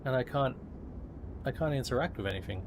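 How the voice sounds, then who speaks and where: A man's voice: medium pitch, animated, brisk. Laid-back Australian man, faint background noise. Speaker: game streamer. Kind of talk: casual rambling livestream chat.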